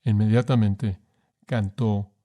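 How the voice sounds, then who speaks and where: A man's voice: on the low side, steady tone, slow pace, warm tone. A man delivering a sermon as a preacher, speaking emphatically and putting rhetorical questions straight to his listeners. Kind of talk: sermon, voiced in Spanish.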